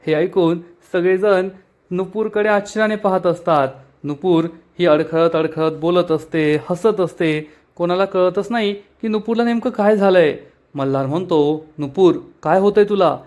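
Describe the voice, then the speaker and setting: A man narrating a lively, dramatic recap of a TV serial episode. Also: high voice, measured pace.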